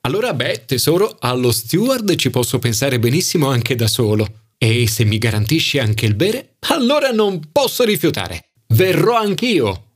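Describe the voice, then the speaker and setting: A fussy, theatrical man whose voice climbs high and jumps all over when he frets, as an audiobook narrator puts him on. He talks dramatically and turns bossy in a heartbeat. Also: big pitch swings, moderate pace. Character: anxious theatrical man, a fussy best friend. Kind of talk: audiobook character voice.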